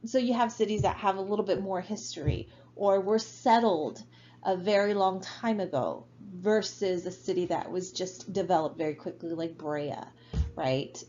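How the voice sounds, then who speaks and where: In a muffled recording made at home, a woman speaking in a lowish register delivers an online college geography lecture. Her style is relaxed and loose, full of filler words and tag questions.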